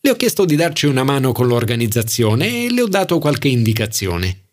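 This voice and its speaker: A man's voice: mid-range voice, sing-song, a little fast. A man voicing a confident, persuasive young professional woman in an audiobook. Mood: upbeat. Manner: coaxing, upbeat, persuasive. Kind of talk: audiobook character voice.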